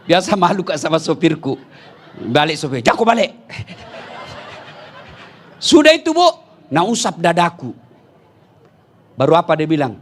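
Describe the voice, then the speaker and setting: A man preaching a lively, humorous sermon, telling stories with bursts of shouting and laughter. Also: a little high, unhurried, pauses often.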